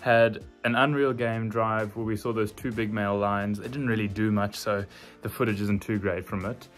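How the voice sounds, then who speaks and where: A man's voice: lowish voice, steady tone, normal speed, faint music behind. A man talking casually to camera as a travel vlogger on safari.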